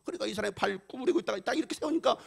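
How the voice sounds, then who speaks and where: A man preaching a revival sermon in a church, telling a testimony with lively acted-out quotes. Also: high-pitched, racing, gravelly, husky. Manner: animated storytelling, acting out quotes. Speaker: pastor. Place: church sanctuary.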